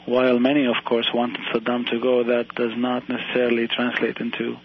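A professor from Iraq speaking as a radio interview guest, earnest and measured, often restarting his phrases. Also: medium pitch, completely flat delivery, dull audio, a little hiss or hum.

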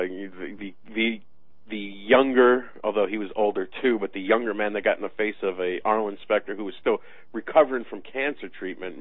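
A man giving halting, sardonic political commentary in a conversational style over the phone. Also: lowish voice, no room sound. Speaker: political talk radio commentator. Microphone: phone line. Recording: tinny phone-line sound.

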